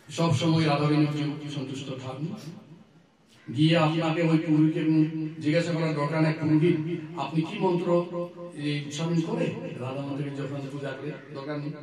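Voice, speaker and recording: A man preaching a sermon to a congregation and leading chanted call-and-response. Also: a little high. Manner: leads loud chanted call-and-response, jokes with audience. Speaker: Vaishnav preacher. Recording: echoey hall, distant mic, crowd.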